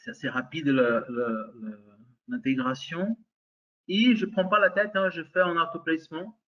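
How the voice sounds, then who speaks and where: A Brazilian-accented man with a fairly high voice runs a software demonstration webinar at a moderate pace, and the audio sounds dull. He is hesitant, full of fillers and restarts, and keeps checking in with his listeners.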